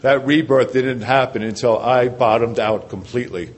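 New man at a podium sharing his recovery story, repeating phrases and questioning the room, average pitch. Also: fairly even intonation, normal speed. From New Jersey. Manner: earnest storytelling with rhetorical questions and repetition. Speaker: recovery speaker. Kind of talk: personal recovery story told to a meeting.

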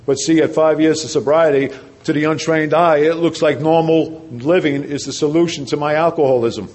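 A man's voice: fairly high pitch, steady tone, normal speed, darkish tone. Earnest New man telling his story. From New Jersey. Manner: earnest storytelling with rhetorical questions and repetition. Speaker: recovery speaker. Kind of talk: personal recovery story told to a meeting.

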